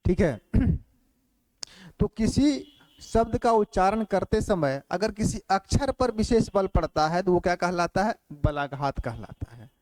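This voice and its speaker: Man teaching grammar, dictating slowly. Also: high-pitched, expressive, a little mellow, no room sound. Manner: repeats phrases slowly for dictation, asks quick check questions. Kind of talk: classroom lecture.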